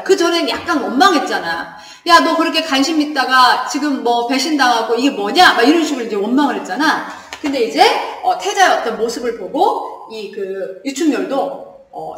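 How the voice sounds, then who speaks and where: Woman teacher, high-pitched, chatty lecture, laughs often, roomy distant sound. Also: a bit bright. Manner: chatty, laughs often, asks students "got it?". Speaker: Korean literature teacher. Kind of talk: casual classroom lecture. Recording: echoey hall, distant mic.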